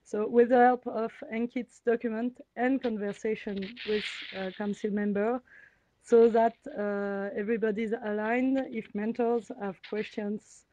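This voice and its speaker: Brief: woman on a video call, slow and deliberate, dry, muffled sound. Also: medium pitch, dark tone, no echo. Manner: halting, deliberate. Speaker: program mentor coordinator. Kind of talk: meeting status update. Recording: dull, dry lo-fi audio.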